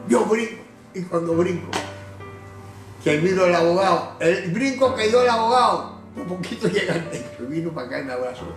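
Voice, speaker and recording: A man with a Cuban Spanish accent giving a personal testimony, telling his story in an animated way and acting out the voices of others. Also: on the high side, roomy sound. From Cuba. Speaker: former prisoner giving testimony.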